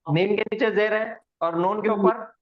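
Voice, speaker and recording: High-voiced man teaching recitation online. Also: fairly even intonation. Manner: slow, repeats words for students to echo and quizzes them. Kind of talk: online Quranic Arabic recitation lesson. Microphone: video call. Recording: dull lo-fi online class audio.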